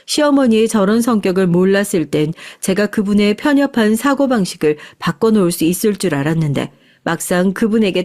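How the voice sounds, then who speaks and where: Woman narrator, first-person radio story, steady, heartfelt, mid pitch.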